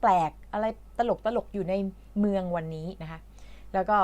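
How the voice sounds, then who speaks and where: A woman's voice: mid-range voice, unhurried, darkish tone. A woman from Thailand who teaches English, patiently explaining a reading lesson in a chatty way with lots of fillers.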